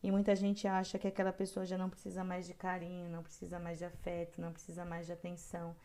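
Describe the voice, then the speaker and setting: A middle-aged woman lectures to caregivers in an earnest, steady way, pausing often to search for words. Her voice is mellow and rounded. She leans hard on the points she cares about. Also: lowish voice. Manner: earnest, frequent hesitations, emphatic on key points. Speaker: caregiver course instructor. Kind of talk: lecture reading guidelines with asides.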